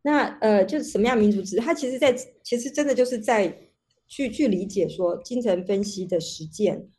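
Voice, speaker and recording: Guest researcher, female; mellow, husky tone; talks at length over a video call, circling back and rephrasing. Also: medium pitch, brisk. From Taiwan. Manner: long reflective explanations with many restarts. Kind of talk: online panel talk.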